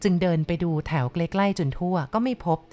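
A woman storyteller reading a first-person ghost story in a steady, measured way. Her voice sits a little low for a woman, calm and even. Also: soft background music.

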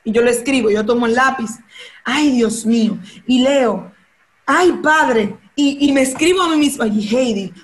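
Fervent high-voiced woman preaching. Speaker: guest speaker.

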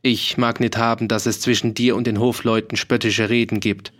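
A man voicing a calm, stern older village judge who gives firm commands. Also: mid-range voice, moderate pace, lightly acted.

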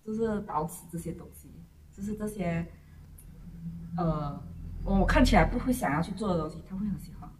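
A woman's voice: lowish voice, fairly quick, darkish tone. A woman chatting casually and laughing often as she tells a story. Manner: laughs often while telling stories. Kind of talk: casual chat. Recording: distant mic with crowd noise behind.

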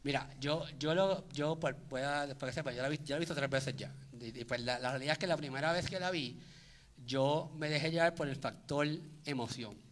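A man's voice: fairly high pitch, a little fast, fairly bright tone, a little hiss or hum. A man, co-hosting a casual chat and animatedly acting out his own reactions. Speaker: podcast co-host.

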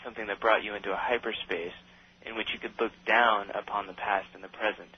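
Husky, low male caller on a dull phone line, argumentative. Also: steady tone, quick pace. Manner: argumentative, pushing his point. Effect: voice heard over the phone line. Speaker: radio call-in caller.

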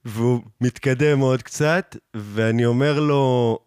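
Young male podcast host, casual storyteller, mid-range voice, dry close sound, jumps up in pitch when quoting people. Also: clear, resonant tone, no echo. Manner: animated, acts out quoted lines in raised voice, laughs often.

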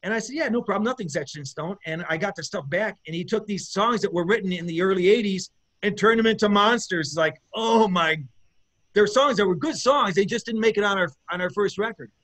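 A man, a bass player in an eighties rock band, chatting casually in an interview, rambling and searching for words with lots of restarts, enthusiastic about his music. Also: fairly quick, a bit bright.

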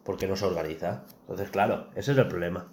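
A man's voice: low-pitched, fast. Man from telling work stories, roomy sound. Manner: animated storytelling, swears freely. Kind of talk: casual chat. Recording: roomy echo.

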